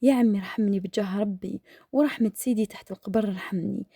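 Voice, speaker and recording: A woman's voice: mid-range voice, fast, vocal fry, mellow, breathy edge, no room sound, studio quality. A woman voicing a frightened, pleading young shepherd girl, with an Algerian accent. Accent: Algerian Arabic. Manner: pleading, fearful.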